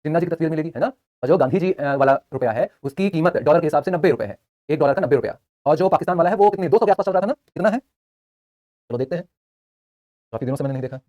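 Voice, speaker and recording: A man's voice: fairly high pitch, lively intonation, rapid-fire, warm tone. A young man teaching a live online class, chatty, joking between facts and repeating answers for students.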